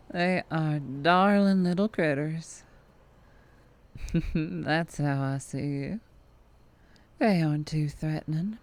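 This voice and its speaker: In an ASMR roleplay, a woman voices a tough, playful vampire truck driver with a Southern US accent. Her very low, a little mellow voice moves in a slow, leisurely drawl, heavily acted, teasing and mocking like a predator toying with prey, with frequent chuckles and lingering pauses between phrases.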